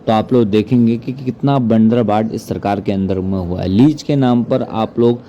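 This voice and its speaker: Speaking in earnest, formal language, this man from Uttarakhand, India, presents a political explainer as an activist commentator, to camera or in voice-over. His voice is fairly low and warm, moving at a normal speed. The recording is muffled and carries a little hiss or hum.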